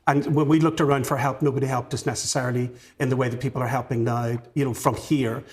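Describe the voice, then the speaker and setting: A man's voice: medium pitch, steady tone, quick pace. A man with a Northern Irish accent, a guest on a studio debate panel, speaking emphatically and insistently. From Northern Ireland, West Belfast. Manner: emphatic, insistent, talks over others. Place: television studio.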